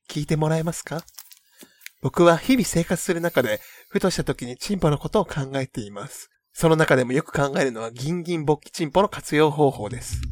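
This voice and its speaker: A man's voice: on the high side, no echo, close to an everyday voice. A man playing a polite, haughty rich schoolgirl, hosting radio comedy and reading listener mail with genteel, affected speech. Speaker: comedy radio show host.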